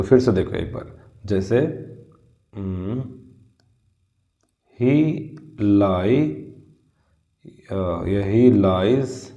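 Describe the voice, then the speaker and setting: Man, English teacher, slow deliberate lesson, sounds out words, echoey dull room recording. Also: mid-range voice, dark tone. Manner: slow, spells out sounds word by word. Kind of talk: whiteboard grammar lesson.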